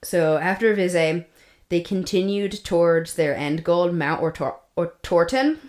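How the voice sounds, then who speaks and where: Speaking unhurriedly in a fairly low, darkish voice, this woman co-hosts a podcast and tells the story in a loose, conversational style. She laughs often and leans on fillers and restarts, and the sound carries a roomy echo.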